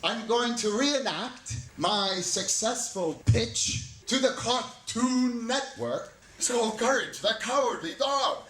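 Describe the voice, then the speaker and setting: A man's voice: very high voice, slow pace, a bit bright, roomy sound. A man, a cartoon creator, speaking in an interview with a playful, theatrical manner.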